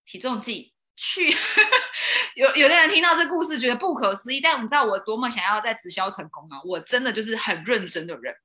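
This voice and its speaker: A woman hosting a casual chat, telling personal stories in an animated way, acting out dialogue and laughing often. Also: a little high, brisk. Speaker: host.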